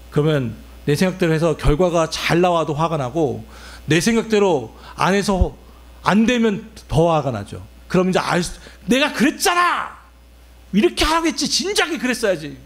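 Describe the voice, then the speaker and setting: A man preaching a sermon in a fairly high voice. His pitch rises and falls widely as he works through the passage. He keeps putting questions to his listeners. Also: vocal fry. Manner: animated preaching with rhetorical questions to the congregation. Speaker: pastor.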